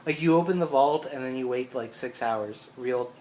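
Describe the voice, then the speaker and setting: A man's voice: medium pitch, moderate pace, a little mellow, slight background noise. A young man co-hosting a casual chat about games, rambling, swearing freely and laughing often. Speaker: co-host.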